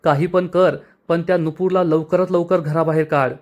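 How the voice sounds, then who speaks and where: A man's voice: a little high, steady tone, moderate pace, close to an everyday voice. A man voicing a stern, scolding older aunt in a retold TV serial, talking sharply.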